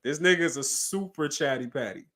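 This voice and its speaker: A man co-hosting a podcast, talking in casual chat with emphatic, animated bursts. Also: a little high, a little fast. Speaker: podcast co-host.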